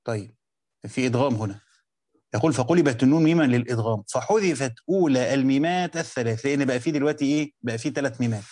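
A man with an Egyptian accent lectures his students on a classic text, working through it step by step. He repeats key words and drawls slowly through each quotation. His voice sits at an ordinary middle pitch in a dry, close recording. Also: darkish tone, dry recording. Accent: Egyptian Arabic. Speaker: teacher of Quranic exegesis.

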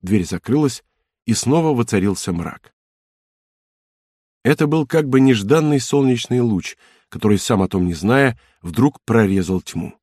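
A man narrating an audiobook in a calm, measured storytelling manner. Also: medium pitch, no room sound, studio quality.

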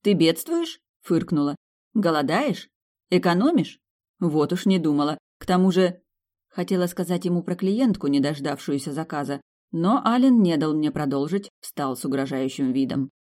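Female audiobook narrator; sardonic, lively first-person storytelling. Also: sits low, normal speed. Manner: sharp, sardonic storytelling with lively acted asides.

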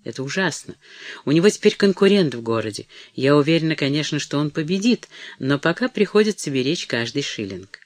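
A man's voice: fairly high pitch, lively intonation, brisk, no echo, lightly acted. A man reading as a timid pleading mother. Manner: soft, faltering and imploring. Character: timid, pleading poor middle-aged mother.

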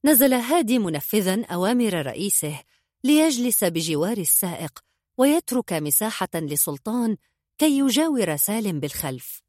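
A woman narrating a novel in a steady, measured storytelling voice. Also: medium pitch, no echo, clean studio sound. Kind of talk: audiobook narration.

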